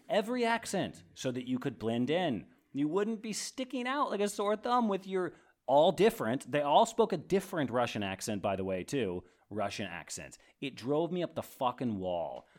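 A man co-hosting a movie podcast, chatting casually with friends and ranting with sarcastic asides. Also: fairly high pitch. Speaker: podcast co-host. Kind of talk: casual chat.

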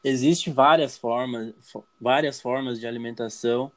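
A young man with a Brazilian accent speaks casually and pauses often. He hesitates and restarts, searching for his words as he answers questions. His voice sits at an ordinary middle pitch. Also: fairly even intonation. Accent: Brazilian Portuguese. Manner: hesitant, many fillers and restarts. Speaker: guest.

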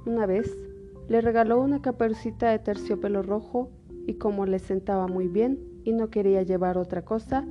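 A woman's voice: medium pitch, fairly even intonation, moderate pace, highs cut off. A woman narrating a scripted fairy tale as a storyteller. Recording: music behind the voice.

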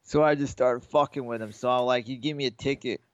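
A man's voice: medium pitch, steady tone, brisk, no echo, highs cut off. A man co-hosting a podcast, telling rambling, profane stories and acting out the people in them. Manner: rambling storyteller, swears freely, acts out quotes. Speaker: podcast co-host. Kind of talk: casual sports betting chat.

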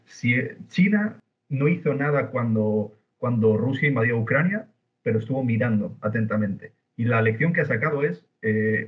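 A man from Spain, a podcast guest chatting casually from Buenos Aires over a remote call, halting with fillers and restarts. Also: mid-range voice. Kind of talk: casual opinion chat. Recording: tinny phone-like line.

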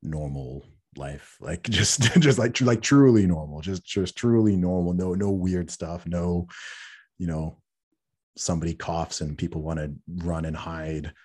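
A very low, dark-toned man with a husky edge to his voice. He talks earnestly as a podcast guest, restarting and repeating words as he goes, with short laughs between points. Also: unhurried. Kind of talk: casual interview talk.

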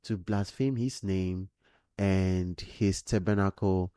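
A man walks through scripture verse by verse in a loose, rambling teaching style, full of "you know" asides and sudden bursts of excitement. His voice sits low and sounds warm and mellow. The recording is close and dry. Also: slow, clean tone, no echo. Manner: rambling, thinks aloud with many "you know" fillers. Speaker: Bible teacher. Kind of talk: informal Bible study commentary.

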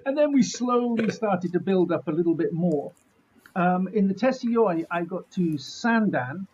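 A middle-aged man from chats through his anecdotes on a muffled recording. His voice is high for a man and rough-edged, and he tells things jokingly, at his own expense, acting out remarks as he goes. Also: animated, unhurried, darkish tone. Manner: jokey, self-deprecating, mildly sweary, acts out remarks. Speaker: martial artist being interviewed. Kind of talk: animated anecdotal storytelling in casual chat.

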